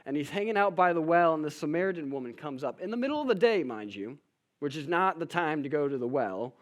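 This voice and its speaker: A man's voice: a little high, sing-song, quick pace. A young male pastor giving a sermon in a casual, humorous storytelling manner.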